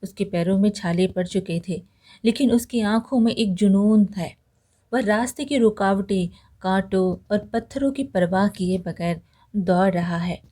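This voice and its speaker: Warm-voiced woman storyteller. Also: medium pitch, measured pace. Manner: dramatic, vivid. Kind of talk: dramatic story narration.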